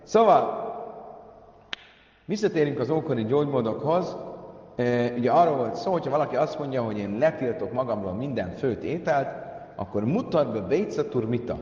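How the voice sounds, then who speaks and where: Male Talmud teacher, reads Aramaic then explains it, halting with fillers, far from the mic in an echoey hall. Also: medium pitch, expressive, a little mellow, highs cut off. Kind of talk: Talmud lesson retelling stories.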